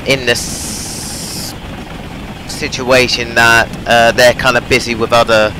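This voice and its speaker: A young man hosting a gaming channel speaks slowly in a mid-range, level voice while playing a train simulator. He is casual and rambling, full of hesitations and fillers, and his voice is wearing out from too much talking. Noisy home recording.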